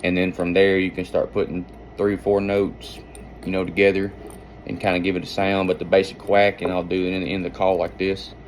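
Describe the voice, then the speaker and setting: A man's voice: sits low, monotone, brisk, slight background noise. A man giving an informal hands-on lesson as a hunting instructor, explaining in a folksy, rambling way. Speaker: duck-calling instructor and hunter.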